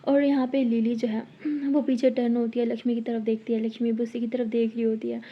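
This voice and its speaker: Woman telling a love story, somewhat high. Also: brisk. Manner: calm, conversational, clears throat now and then. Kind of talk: storytelling narration. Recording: slightly dull lo-fi audio.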